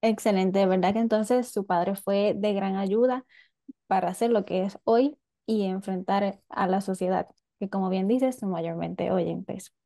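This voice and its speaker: A woman with a soft, mellow voice at an ordinary middle pitch leads the interview. She affirms her guest's answers and asks measured questions. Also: fairly even intonation, vocal fry.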